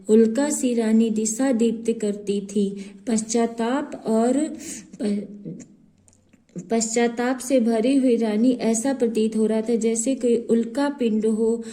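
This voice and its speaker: A woman teaching a poem, reading each verse and then slowly explaining and repeating its meaning. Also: on the high side, warm tone. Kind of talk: explaining a Hindi poem line by line.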